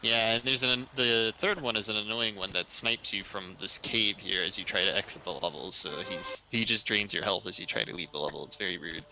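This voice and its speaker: A man's voice: on the low side, fairly quick, hardly any pauses, sharp tone, slight background noise, rough recording. A man giving casual speedrun commentary, chatty and rambling, with lots of fillers and easy laughs.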